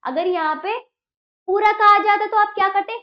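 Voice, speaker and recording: Woman teacher drawing out words slowly for kids, high voice, roomy dull-ish sound. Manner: slow, over-enunciated syllables for pupils; asks questions and answers them herself. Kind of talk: Hindi grammar lesson for children.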